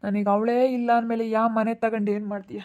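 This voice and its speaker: A woman with a rural Chitradurga Kannada accent, lightly acting, plays a grieving young village husband in a village family drama, wailing, pleading and repeating phrases through sobs. Her voice is a little high and a little mellow, with a flat delivery at a slightly fast pace. The recording sounds tinny, like a phone.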